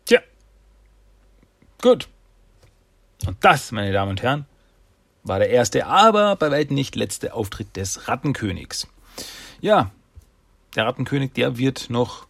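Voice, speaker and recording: A man's voice: mid-range voice, gravelly, slightly rough, no echo. A man recapping a cartoon episode in a rambling, chatty way. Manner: rambling, chatty, acts out voices. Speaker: host.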